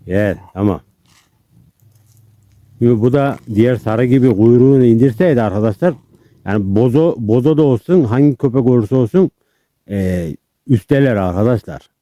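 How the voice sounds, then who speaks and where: A man, filming outdoors on a handheld camera, coaxing and calming street dogs and chatting casually to his viewers. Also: medium pitch, brisk, no echo. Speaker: street dog vlogger. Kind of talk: casual vlog commentary to viewers.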